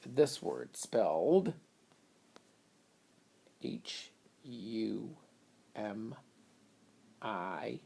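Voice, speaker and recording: A man's voice: on the low side, big pitch swings, extremely slow, creaky, pauses often, warm tone, slightly rough. A man teaching a reading lesson, patiently explaining step by step how to split words into syllables. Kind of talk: phonics lesson at a whiteboard.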